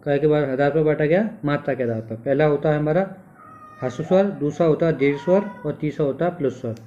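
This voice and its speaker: A man's voice: a little high, fast talker, mellow. A male teacher giving a classroom lecture, asking the class questions and then answering them himself. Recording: dull lo-fi sound.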